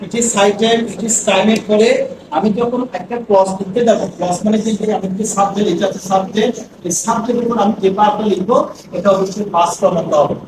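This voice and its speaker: A man teaching English to a class, asking the same question again and again for the students to answer together, reading the English sentences out slowly. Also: sits high. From Bangladesh. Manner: drills students with repeated questions. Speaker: English lecturer. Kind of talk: classroom lesson with call-and-response. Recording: echoey classroom from far off, noisy.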